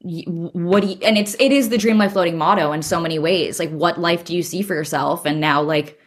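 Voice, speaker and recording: A woman's voice: fairly low pitch, a little fast. A woman co-hosting a casual podcast chat, rambling with lots of filler words, talking from her home computer. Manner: chatty, rambling with many "like" fillers. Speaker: podcast co-host. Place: home at computer, dim room.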